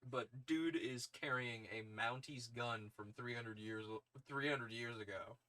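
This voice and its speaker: A man's voice: mid-range voice, measured pace, pushed and bright, low-quality recording. A man reading a story aloud on a stream, moving between narration and casual asides.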